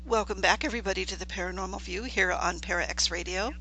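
A woman's voice: mid-range voice, fast talker, sharp tone, slight background noise, poor audio. A woman hosting a live radio talk show and introducing and questioning a guest. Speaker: paranormal talk show host.

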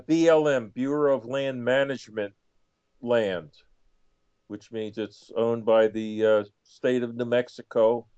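A man answers interview questions casually and haltingly. His voice is smooth and mid-pitched, unhurried, on a slightly muffled radio feed. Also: a little mellow, no room sound. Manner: halting, deliberate. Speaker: author guest on radio show. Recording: dull dry lo-fi feed.

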